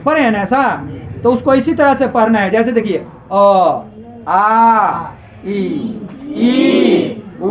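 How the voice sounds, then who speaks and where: A man teaches a class, firing questions at his students and drilling each answer again and again. The recording sounds dull and lo-fi, with a room full of students audible around him. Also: very high-pitched. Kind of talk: classroom Hindi grammar lesson.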